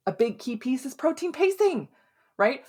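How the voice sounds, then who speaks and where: A middle-aged woman from Minnesota giving casual health advice, chatty and quick with asides, often tagging on "right?". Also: high voice, big pitch swings, darkish tone, breathy edge. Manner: chatty, keeps asking "right?". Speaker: health and hormone coach. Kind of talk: casual advice talk to camera.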